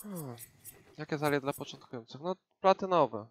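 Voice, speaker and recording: A young Polish gaming streamer with a Polish accent casually comments on his gameplay live, using lots of fillers. His voice is a little high, expressive, and a little fast. He's in a room at home on a headset mic, and the recording is very noisy.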